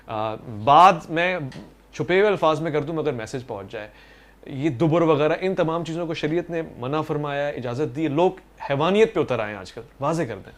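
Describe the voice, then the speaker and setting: Male talk host, slightly high pitch, eager and probing. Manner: eager interjections, frequent praise, probing questions. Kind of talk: hosting a panel discussion.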